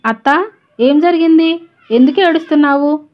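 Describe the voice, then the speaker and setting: A woman's voice: high-pitched, normal speed, close to an everyday voice. A woman doing an outspoken young woman. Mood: bewildered. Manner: indignant, outspoken. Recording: dull lo-fi recording.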